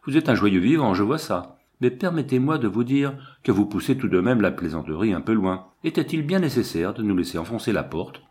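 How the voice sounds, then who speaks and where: Casual: guy reading as a fussy little police commissioner, pompous and chatty, kinda low voice, storybook style. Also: expressive, brisk, hardly any pauses, darkish tone, natural voice. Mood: bluff, chatty. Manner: chatty, self-important, confiding.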